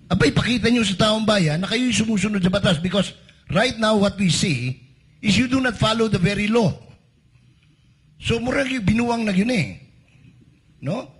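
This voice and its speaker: Husky high-voiced man, indignant. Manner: indignant, rhetorical questions. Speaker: political commentator. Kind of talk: heated political commentary.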